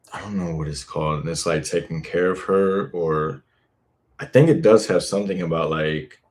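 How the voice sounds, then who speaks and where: A young man with a low voice and vocal fry hosts a live Q&A as a boyfriend-audio creator. Laid-back and rambling, he reads viewer comments and chats frankly, swearing casually now and then.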